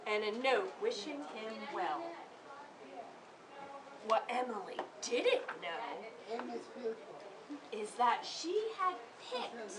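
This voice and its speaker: A woman with a high voice reads her story aloud to a live audience, performing it theatrically and drawing out words for emphasis while asking her listeners questions. The mic is distant, and audience noise can be heard.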